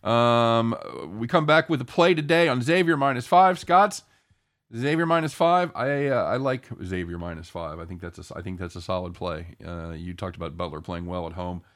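A man's voice: mid-range voice, normal speed, a bit bright. A man hosting a live sports betting show in casual, jokey banter, irreverent and given to casual swearing.

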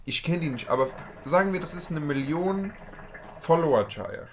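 A young man talking in a casual chat, a little higher-voiced than most men. He speaks emphatically and peppers his talk with street slang. A faint hum sits behind him. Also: lively intonation, moderate pace. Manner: emphatic, street-slang heavy, often rising in pitch when worked up.

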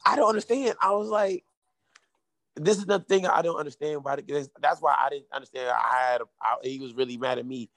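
Young man, slightly high creaky voice, close dry sound, casual sweary frat-bro storyteller. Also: fairly quick, a bit bright, no echo. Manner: frat-bro slang, sweary, heavy use of "like". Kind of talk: casual chat, animated retelling.

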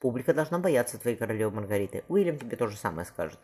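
A man's voice: medium pitch, sing-song, very fast, darkish tone, slightly rough. A man doing a fussy theatre troupe leader. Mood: instructive.

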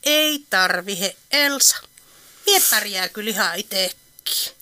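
A woman's voice: mid-range voice, animated, bright, forceful tone. An actress playing a dry, teasing elderly woman with an Eastern Finnish dialect in a radio play. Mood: wry. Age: older. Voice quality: wry, teasing.

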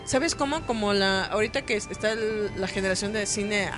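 Animated Mexican woman chatting over music. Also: mid-range voice, normal speed. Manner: animated, acts out quotes in silly voices. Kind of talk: casual chat. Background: background music.

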